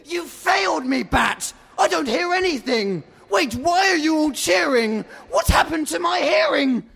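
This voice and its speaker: A man voicing a tyrannical, imperious female red duck who shouts threats. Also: very high voice, animated, a little slow, vocal fry, pitched above the performer's own voice, exaggerated voice. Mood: furious.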